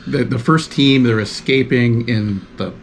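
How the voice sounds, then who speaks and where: A man's voice: mid-range voice, unhurried. A man, a guest chatting casually with a friend, rambling and laughing easily. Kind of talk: casual chat. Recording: faint background noise.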